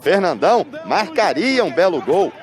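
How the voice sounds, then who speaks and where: A Brazilian man reading scripted football highlights narration. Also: big pitch swings, normal speed.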